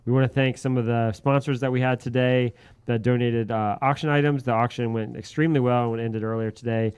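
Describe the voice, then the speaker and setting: A man's voice: medium pitch, steady tone, brisk, a little mellow, smooth. Upbeat man radio host. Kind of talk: reading a comedy skit live on radio, then charity announcements. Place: radio station studio.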